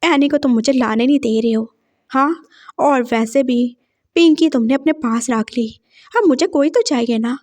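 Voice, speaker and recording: A scheming, greedy mother in a read-aloud story, put on by a woman narrator. She speaks high and coaxing, with threats tucked beneath the sweetness. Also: normal speed, a little mellow, close to an everyday voice. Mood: sly menacing. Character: scheming middle-aged mother, greedy and menacing.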